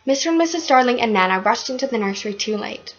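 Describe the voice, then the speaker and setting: A woman's voice: fairly high pitch, fast talker, muffled recording. Woman reading a storybook aloud. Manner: expressive, occasional stumbles. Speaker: reader of a children's book.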